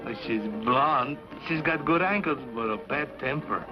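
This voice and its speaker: An actor playing a gallant, teasing sidekick with flowery, playful courtesy. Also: male voice, on the high side, unhurried, lightly acted. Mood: jovial. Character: jovial Mexican sidekick man, gallant and teasing. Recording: dull 1950s TV soundtrack with music.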